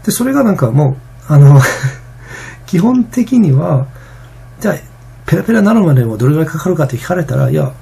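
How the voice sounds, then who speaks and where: Fast, gravelly, husky-voiced man. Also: on the high side, big pitch swings, warm tone. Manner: rambling, many fillers and restarts. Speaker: vlogger. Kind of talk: casual vlog monologue.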